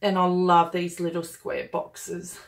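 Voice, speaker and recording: A woman's voice: fairly low pitch, monotone, takes it slowly. A woman talking casually and enthusiastically as she unboxes and reviews a planner kit, gushing over each item. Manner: gushing and enthusiastic, chatty with fillers.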